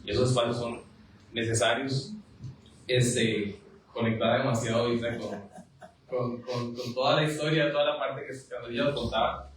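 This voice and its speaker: A man's voice: medium pitch, steady tone, normal speed, slight background noise. A man from southern Costa Rica with a Costa Rican accent, speaking as a panelist with frequent hesitations and repeated words. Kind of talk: panel discussion remarks. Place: historic house, event room. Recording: echoey room from far off.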